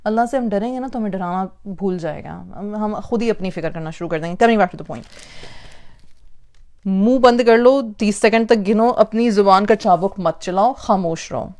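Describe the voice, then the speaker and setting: A woman's voice: mid-range voice, normal speed, a little mellow. A woman giving an emphatic parenting talk, repeating phrases for stress and mixing in English words. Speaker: parenting speaker. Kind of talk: lecture on parenting.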